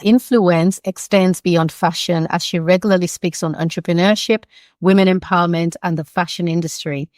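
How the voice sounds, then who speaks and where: A woman's voice: on the low side, steady tone, normal speed, darkish tone, dry recording, studio quality. A woman hosting a podcast, reading an introduction and then asking questions in an encouraging, affirming way. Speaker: podcast host. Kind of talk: interview host, reading an introduction then chatting.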